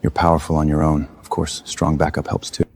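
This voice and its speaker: An actor playing a powerful, protective, self-controlled crime boss in a romantic screen drama. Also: male voice, a bass voice, monotone, a little fast, creaky, a little mellow. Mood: proud.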